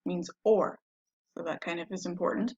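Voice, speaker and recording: A woman's voice: fairly low pitch, steady tone, a little fast, darkish tone, muffled recording. Patient woman teaching a language lesson. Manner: patient, explains step by step and spells words letter by letter. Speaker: French teacher. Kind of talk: classroom-style lesson.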